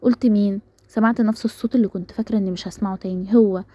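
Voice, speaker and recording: A woman with an Egyptian Arabic accent reading a first-person story in rapid, even narration. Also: medium pitch, no room sound, dull audio.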